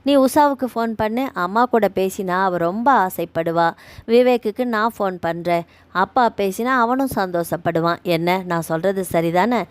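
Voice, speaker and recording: A woman voicing a kindly retired man who runs a care home; he talks gently and reassuringly. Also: medium pitch, moderate pace, clear, resonant tone, no room sound, natural voice. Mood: tender.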